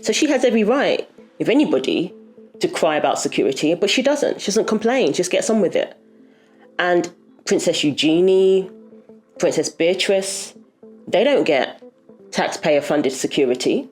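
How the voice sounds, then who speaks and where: Brief: low-pitched woman, emphatic opinion host, faint music underneath. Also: very animated, normal speed, darkish tone. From Britain. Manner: indignant, emphatic. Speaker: commentary video host. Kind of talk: opinionated commentary.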